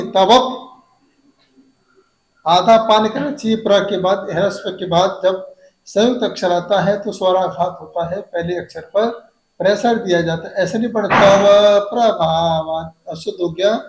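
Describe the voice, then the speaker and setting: Monk teacher, high voice, unhurried, drawn-out verse syllables with quick asides, echoey room. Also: male voice. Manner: stretches verse syllables slowly, then explains in quick asides. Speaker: Jain monk teaching hymn recitation. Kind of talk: devotional recitation lesson.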